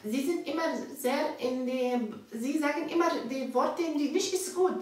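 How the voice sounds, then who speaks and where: A woman's voice: sits high, unhurried, a little mellow, recorded from a distance. A woman at home who speaks broken, non-native German, pleading and upset. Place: her apartment. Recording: echoey room, off-mic.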